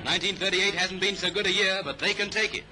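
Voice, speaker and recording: Here a British man, high-voiced and quick, narrates a 1930s newsreel with scripted, clipped delivery. Music runs beneath him on the vintage soundtrack.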